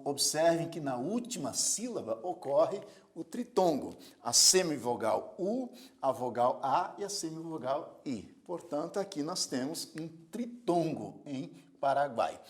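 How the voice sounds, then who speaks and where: Lively didactic male grammar teacher. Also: fairly high pitch. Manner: didactic, spells out words syllable by syllable; addresses students directly with repeated prompts to observe. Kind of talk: recorded video lesson.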